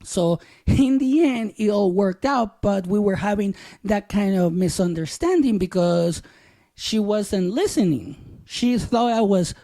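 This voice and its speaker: Man, podcast host, casual monologue, candid, swears a little, mellow voice. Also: sits high, unhurried.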